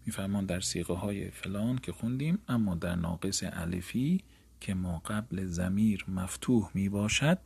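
A man teaching a grammar lesson, drilling word forms slowly and then explaining them quickly. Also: lowish voice, gravelly, a little mellow, slightly rough.

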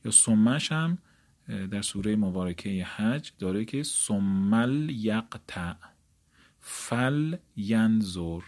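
A man's voice: on the low side, lively intonation, darkish tone. A man teaching an Arabic grammar lesson. He reads from a textbook and explains each step, often asking a question and then answering it himself. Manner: step-by-step, asks and answers his own questions; reads textbook lines, then explains them in his own words.

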